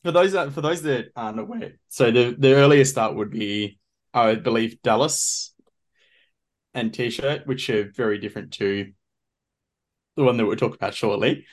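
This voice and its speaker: A male podcast host keeps things dry and teasing as he interviews his guests. His voice sits at a middle pitch, and he talks at an easy, conversational pace. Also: normal speed. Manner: dry, teasing, reads quotes aloud. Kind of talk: casual interview.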